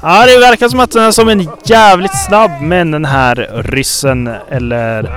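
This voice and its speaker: A man's voice: sits high, music in the background. En man som leder och rapporterar skämtsamt, torrt och ironiskt, om ett spel. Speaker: host and mock reporter. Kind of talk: joking mock sports reporting over a game.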